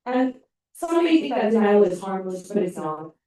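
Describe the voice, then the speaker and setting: A woman's voice: medium pitch, very animated, normal speed, dark tone. A young woman, a sorority president, giving prepared, earnest public comment at a student meeting. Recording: echoey hall, mic from a distance.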